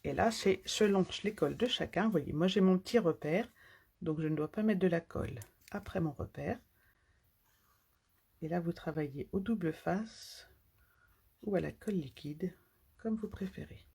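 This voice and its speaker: Gravelly-voiced woman demonstrating papercraft live. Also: on the low side, normal speed, long pauses, darkish tone, slight background noise. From France. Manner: chatty, talks while working with hands. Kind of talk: live craft tutorial.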